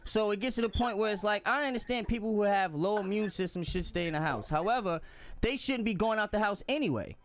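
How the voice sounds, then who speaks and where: A man's voice: high-pitched, fast. A man hosting a podcast in casual, heated debate, argumentative and insistent, repeating his points. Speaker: podcast host.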